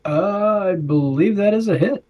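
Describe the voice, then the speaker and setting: A man with a somewhat high voice plays a tabletop game. He talks casually, reasoning out loud in a conversational way as a player among friends. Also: animated, moderate pace, dull audio. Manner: thinks aloud.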